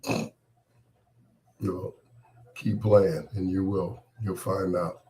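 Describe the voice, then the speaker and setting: Slow and flat, the man's low voice carries an on-air monologue hampered by a cold that has partly taken his voice. As host, he sounds irritated and dismissive, and his sentences often trail away softly.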